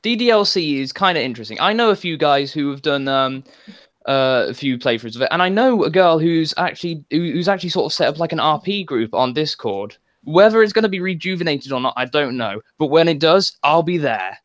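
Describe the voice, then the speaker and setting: Man, voice chat host, fairly high voice, hesitant, lots of fillers, dry mic. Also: lively intonation, fairly quick, fairly bright tone, no room sound. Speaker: voice chat host, series creator. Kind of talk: casual voice chat.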